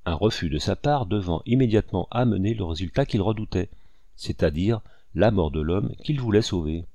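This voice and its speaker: A man reading a novel aloud as an audiobook narrator, steady and measured. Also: low-pitched, no echo, dull audio.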